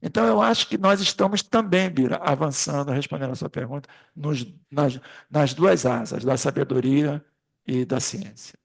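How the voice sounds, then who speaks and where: A man's voice: fairly high pitch, normal speed, vocal fry, husky. A man leading an informal spiritist study class, rambling through anecdotes and speaking straight to the group. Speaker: class facilitator.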